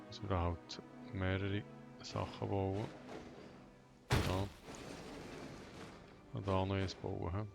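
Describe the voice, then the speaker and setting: A man talks through a game he is playing in a low, flat voice. He mutters slowly and without emotion, with loud music behind him. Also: vocal fry. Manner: flat, monotone, emotionless delivery. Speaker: gamer playing a first playthrough. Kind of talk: casual gameplay commentary, muttering to self.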